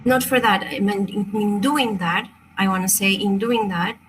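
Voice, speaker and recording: A Chilean woman, a native Spanish speaker with a Chilean accent, presents an online crystal workshop in a mid-range voice at a moderate pace. She sounds hesitant and apologetic, with many fillers and restarts, and there's a little hiss or hum.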